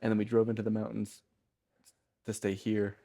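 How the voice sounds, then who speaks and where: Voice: mid-range voice, monotone, moderate pace, gravelly, mellow, no room sound. A young adult host of a casual comedy podcast, laid-back and dry, steering the talk from a makeshift hotel-room studio.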